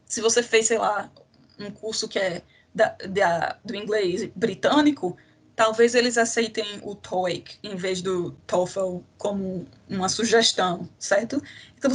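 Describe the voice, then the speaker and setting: Young brazilian woman, kinda husky, chatty, drops english words in while giving tips. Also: mid-range voice, fairly bright tone. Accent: Brazilian Portuguese, from Recife. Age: 20s. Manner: chatty, restarts sentences, mixes in English terms. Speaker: interview guest, doctoral student. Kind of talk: casual advice in an interview.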